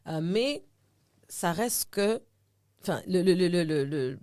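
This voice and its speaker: A woman's voice: fairly low pitch, slow pace, dry recording, clean studio sound. A woman from Cameroon, an actress and TV host, telling her story in a casual interview and slipping English phrases into her talk. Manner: animated storytelling, often slips into English phrases.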